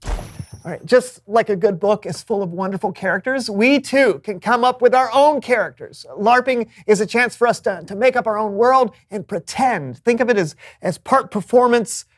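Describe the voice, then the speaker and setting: A man's voice: high-pitched, moderate pace. A man hosting a scripted children's comedy show, upbeat and fussy about rules.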